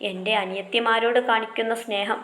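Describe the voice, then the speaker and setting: A woman's voice: fairly high pitch, fairly even intonation, fairly quick, echoey room, natural voice. A woman reading as a tearful young bride. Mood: emotional. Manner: soft, emotional. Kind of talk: storytelling read-aloud.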